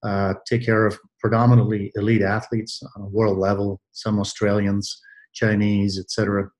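Brief: man in his sixties, from Belgium, low voice, unhurried, hesitant, restarting phrases often. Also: level tone, a little mellow. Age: 60s. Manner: measured, many hesitations and restarts. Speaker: guest, athletic trainer. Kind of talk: interview answers.

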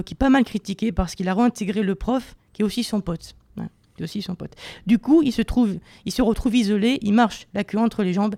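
A man's voice: high voice, vocal fry, a little mellow, no echo. Mock-boastful young male radio columnist. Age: young adult. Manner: mock-boastful, self-mocking humor with many fillers. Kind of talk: comic opinion column on student radio. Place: radio studio. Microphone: studio microphone.

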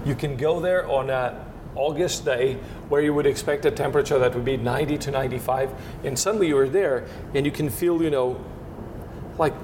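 Man, halting and descriptive. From Portugal. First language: Portuguese. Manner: searching for words with frequent restarts. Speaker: winemaker guest. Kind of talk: descriptive interview answers. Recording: steady noise and low rumble.

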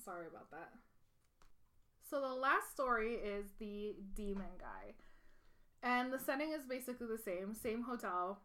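Young woman chatting and laughing a lot, bright clear voice, a bit high. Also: normal speed. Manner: animated, laughs often. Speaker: podcast co-host, former hotel worker. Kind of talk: casual storytelling chat.

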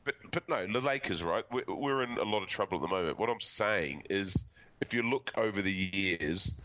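A man's voice: low-pitched, lively intonation, normal speed, bright, forceful tone, lo-fi sound. A man with a broad New Zealand accent chatting casually about sport as a co-host. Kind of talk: casual rugby league banter.

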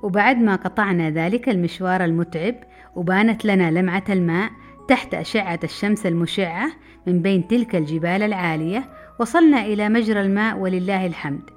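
A middle-aged woman from Saudi Arabia, telling a personal memoir story in a brisk, lively way. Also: mid-range voice. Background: faint background music.

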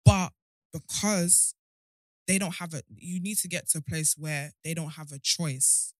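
Unhurried and low-voiced, a young woman talks openly on a casual podcast, as guest and show host, moving quickly from one point to another with outspoken candor. The recording is dry and rough.

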